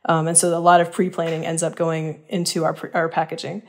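Woman, cave rescuer; low-ish, even pitch, explaining steadily with ums. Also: brisk. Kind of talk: roundtable discussion.

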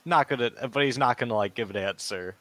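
A man narrating as game master in a tabletop game, relaxed and rambling. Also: mid-range voice, fast talker, no echo.

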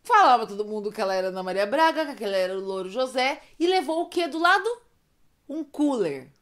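A woman's voice: on the high side, very animated, quick pace, a bit bright. Giggly chatty woman telling a story. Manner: giggly, often breaks into laughter; chatty, with many asides to viewers. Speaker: storyteller recapping roleplay streams. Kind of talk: casual storytelling recap.

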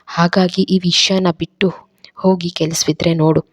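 A woman voicing a remorseful young man in a dramatized romance story reading, speaking softly and pleading. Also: fairly low pitch, level tone, moderate pace, husky, no echo. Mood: tender. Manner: soft, hushed, pleading.

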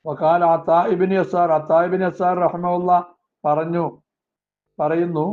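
A man teaching a religious text class. He reads Arabic phrases slowly, then explains each one quickly. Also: high-pitched, level tone. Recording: tinny phone-like lo-fi sound.

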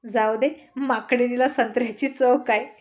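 A woman's voice: a little high, fairly even intonation, normal speed, darkish tone, natural voice. A woman storyteller voicing a playful, mischievous husband who loves to joke and tease his wife. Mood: teasing. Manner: joking, mischievous banter. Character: playful teasing husband, grown man.

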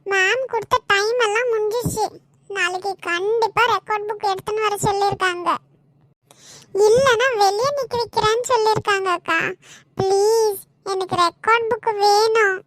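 A woman's voice: very high-pitched, fairly even intonation, normal speed, fairly bright tone. A woman voicing a stubborn young schoolgirl in a cartoon, pleading and whining. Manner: pleading and whiny, crying for her father. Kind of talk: cartoon voice acting.

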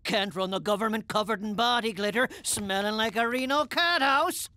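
Man acting cartoon Irish politician, leprechaun-like lilt, high voice, cocky lecher, noisy track. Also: moderate pace, close to an everyday voice. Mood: cocky, jaunty.

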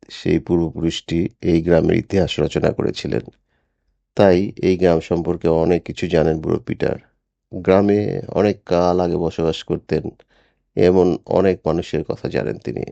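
A man narrating a classic story in steady, measured audiobook style. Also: deep voice, creaky, no room sound, highs cut off.

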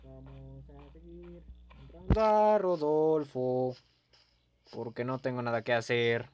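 A young man giving playful, goofy let's-play commentary, breaking into sudden yells and silly meowing. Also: mid-range voice, slow pace, muffled recording. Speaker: gaming youtuber.

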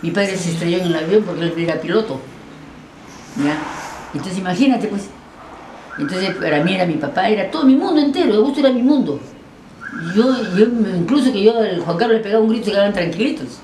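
Older woman, quick and lively interviewee, lowish voice, echoey room with faint noise. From Peru. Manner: lively, acts out voices in her anecdotes. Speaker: interviewee, former TV presenter. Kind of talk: animated storytelling interview.

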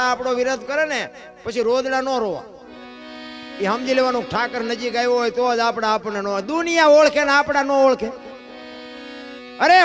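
A man giving a devotional folk discourse, throwing out rhetorical questions and swinging between loud and hushed delivery. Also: sits high. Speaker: folk storyteller.

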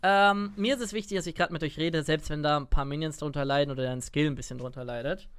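His fairly high voice moves fast with fairly even intonation, a bit bright and clean. An Italian-born man in his twenties, he streams games and comments on them to viewers in a casual, rambling way. He sits close to a desk microphone in an indoor gaming room, headset on.

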